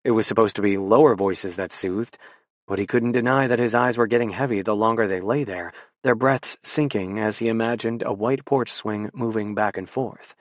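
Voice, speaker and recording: A man reading an audiobook in a measured, even scripted narration. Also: on the low side, dry recording.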